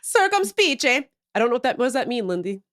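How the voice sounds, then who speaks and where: A woman's voice: fairly high pitch, racing, dry recording, clean studio sound. A woman co-hosting a casual podcast livestream, laughing often as she talks. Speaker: podcast co-host.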